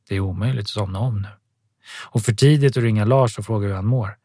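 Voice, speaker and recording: A man reading an audiobook novel aloud in a steady scripted narration. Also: on the low side, breathy edge, no room sound, studio quality.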